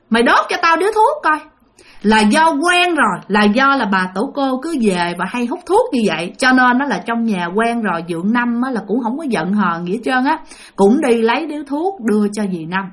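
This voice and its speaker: A woman's voice: on the high side, lively intonation, fairly quick, a bit bright. A woman telling a ghost story in a chatty way, speaking straight to her listeners. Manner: chatty, addresses listeners directly. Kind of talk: spoken ghost-story narration.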